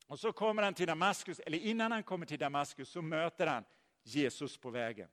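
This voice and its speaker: Preaching man in a reverberant hall. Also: on the high side. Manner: lively storytelling, asks the listeners questions. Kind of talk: sermon.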